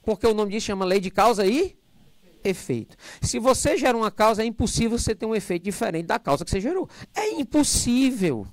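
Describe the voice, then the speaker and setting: A middle-aged man giving a spiritist lecture to a live audience, talking loudly and animatedly with joking asides, into a handheld microphone. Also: sits high, expressive, brisk, no room sound.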